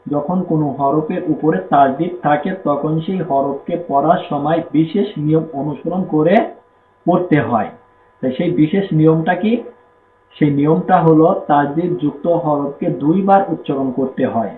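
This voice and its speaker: A man with a Bangladeshi Bengali accent teaching Quran reading, slowly repeating rules and asking and answering his own questions. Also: fairly high pitch. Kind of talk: step-by-step lesson with spelled-out drills. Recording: echoey room, tinny phone-like sound, faint noise.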